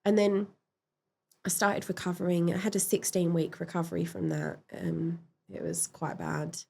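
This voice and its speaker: A woman in a podcast interview, frankly and reflectively telling her personal story, with pauses and fillers. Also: lowish voice, expressive, vocal fry, a little mellow, husky. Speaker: podcast guest.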